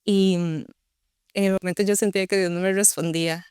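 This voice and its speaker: A woman's voice: medium pitch, fairly even intonation, a little fast, a little mellow, clear, resonant tone, dry recording, clean studio sound. A young woman with a Costa Rican accent, earnestly telling her personal story as an interview guest. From Costa Rica. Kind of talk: personal testimony.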